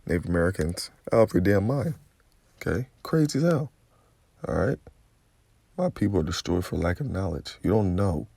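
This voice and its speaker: Gravelly low-voiced man preaching a rant. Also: mellow, no room sound. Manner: confrontational, profane, repeats "okay?". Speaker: religious commentator.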